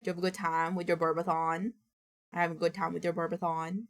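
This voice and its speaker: A woman's voice: lowish voice, level tone, fast. A woman streamer chatting casually with her viewers, playfully exasperated and swearing freely, her voice a little worn out. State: voice nearly gone from strain. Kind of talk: casual livestream chat with viewers.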